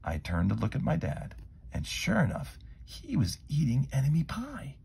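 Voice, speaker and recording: Man, storybook read-aloud, gravelly, very husky, dramatic, expressive. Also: mid-range voice, normal speed. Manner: dramatic, with hushed asides and emphatic bursts. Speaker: storybook reader.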